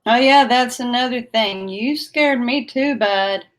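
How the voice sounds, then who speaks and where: A woman's voice: on the high side, measured pace. Woman chatting casually, R's and W's blurred. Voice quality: R and W sounds run together. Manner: folksy, friendly, responding to viewers by name. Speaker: livestream host chatting with viewers. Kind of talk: casual livestream chat.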